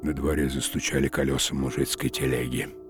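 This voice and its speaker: A man narrating a literary story as an audiobook, in an expressive, dramatic way. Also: extremely low pitch, fairly quick, music in the background.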